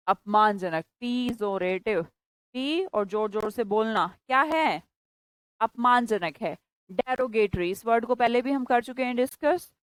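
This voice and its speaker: A woman teaching English vocabulary to a class in Hindi mixed with English words, stretching key words slowly and scolding students by name. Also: mid-range voice, no echo, low-quality recording. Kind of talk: classroom lesson.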